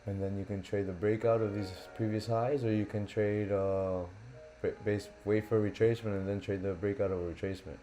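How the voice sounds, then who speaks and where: Over faint lo-fi background music, a young man from Miami streams live, talking a little fast in a fairly low, level, mellow voice. The recording carries a little hiss or hum, and this forex trader thinks aloud casually with plenty of fillers.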